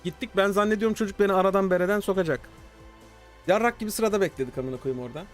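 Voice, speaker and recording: A man streaming live, telling a story casually to his chat, animated and swearing freely. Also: high voice, racing, soft background music. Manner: animated, swears freely, acts out quoted dialogue.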